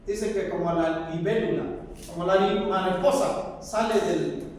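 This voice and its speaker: A man's voice: high-pitched, measured pace, darkish tone, a little hiss or hum. A man, preaching a sermon emphatically and asking the listeners rhetorical questions. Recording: very echoey hall, speaker far from mic.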